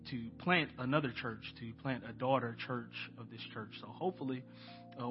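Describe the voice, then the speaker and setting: Nasal, congested American pastor. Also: male voice, mid-range voice. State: stuffed-up sinuses. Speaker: pastor, church planter. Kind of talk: church welcome and prayer. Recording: dull lo-fi audio, clear background music.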